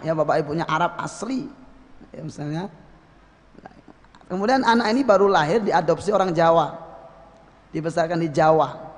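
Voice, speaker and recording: A man with an Indonesian accent teaching Quran recitation as a religious lesson, patiently explaining, often adding "ya" and chanting verses slowly. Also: fairly high pitch. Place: mosque hall. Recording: long echo of a mosque hall.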